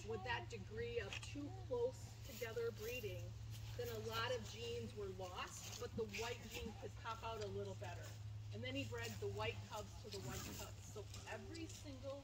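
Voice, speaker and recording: A woman's voice: on the high side, normal speed. A woman giving an informal, explanatory tour talk to a group, as a guide at a wildlife sanctuary. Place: outdoors among animal enclosures. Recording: very noisy outdoor tour recording.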